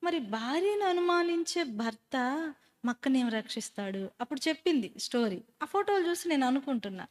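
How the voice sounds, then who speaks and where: High-voiced woman telling her testimony. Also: moderate pace. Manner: animated storyteller who quizzes listeners. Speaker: speaker giving a personal testimony. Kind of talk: storytelling testimony to a church group.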